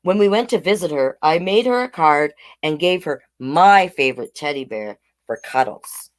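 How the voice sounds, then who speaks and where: This children's storytime host has a low, expressive voice and reads at a moderate pace. Between pages of the picture book, she adds chatty, simply worded asides, explaining with tag questions.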